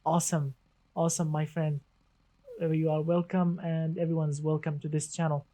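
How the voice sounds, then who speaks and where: A man's voice: on the high side, level tone, moderate pace, dark tone. Man, live-stream host, chatty, upbeat, reads chat, desktop mic. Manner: chatty, enthusiastic, reads chat aloud, repeats "awesome". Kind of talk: casual gaming live stream.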